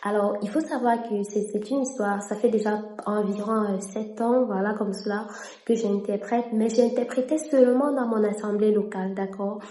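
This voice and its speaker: In an echoey room, a vlogger and interpreter from Cameroon speaks to the camera, a young woman who grew up speaking French and slips into English in the middle of a sentence. Her casual storytelling comes at a moderate pace in a medium-pitched, dark voice with fairly steady intonation.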